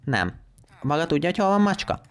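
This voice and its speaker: A young man chatting casually while playing a game, easily excited and often breaking into high shrieks and laughter. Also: clean tone. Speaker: gamer. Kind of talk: casual Minecraft let's play banter.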